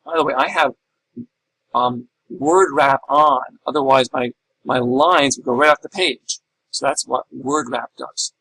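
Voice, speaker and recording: A man's voice: medium pitch, unhurried, bright, forceful tone, slight background noise, rough recording. A middle-aged man teaching a class in a recorded lecture, explaining step by step and asking and answering his own questions. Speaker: instructor.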